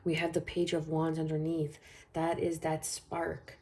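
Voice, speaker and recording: Woman, tarot reader, mellow dark tone, gravelly, flowing soothing delivery. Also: deep voice, monotone, a little slow, slight background noise. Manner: flowing, soothing, repetitive phrasing with frequent "okay?". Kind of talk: spoken tarot reading.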